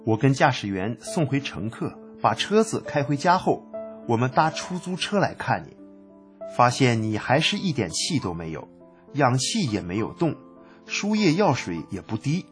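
A man's voice: medium pitch, sing-song, normal speed, soft background music. A man narrating a first-person story in a plain recounting manner.

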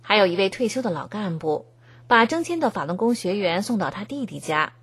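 A woman reading scripted news narration in an even, formal tone. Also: medium pitch, fairly quick, slightly rough. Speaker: news reader.

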